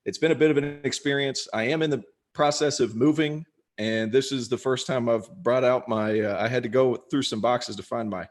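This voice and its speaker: A young man who hosts a podcast and once played college basketball talks casually in an interview, chatty, self-deprecating and often restarting. His voice is medium-pitched and steady, at a moderate pace.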